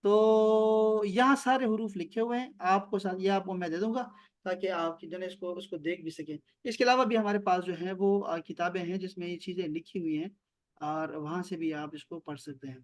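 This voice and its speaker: High-voiced man teaching an online class. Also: fairly even intonation. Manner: explains step by step, repeats key terms slowly. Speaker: Arabic teacher. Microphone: video call.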